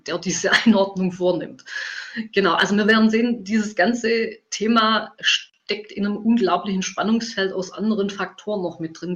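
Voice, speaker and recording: A man with a notably high voice walks through slides, stopping often with fillers as he explains. The audio is dull and lo-fi. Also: fairly bright tone. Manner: hesitant, filler-heavy explaining. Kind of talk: presentation with shared slides.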